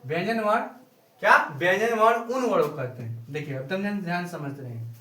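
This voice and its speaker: High-voiced male teacher in echoey room. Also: animated, fairly bright tone. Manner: repetitive, drawn-out word-by-word dictation. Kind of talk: classroom grammar lesson.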